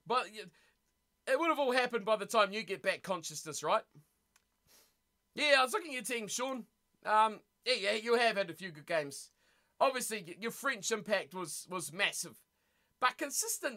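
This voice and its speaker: Casual New Zealand male streamer, lively up-and-down delivery, joking with chat. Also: extremely high pitch. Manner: chatty, teasing, laughs often. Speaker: streamer hosting a rugby watch party. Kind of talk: casual live-stream chat, reading chat aloud.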